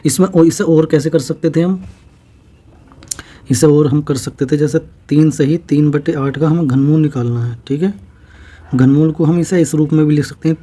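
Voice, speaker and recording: A slightly high, mellow male voice guides listeners through a maths exam-prep lesson. He takes it slowly, restates the steps, and supplies answers to his own questions.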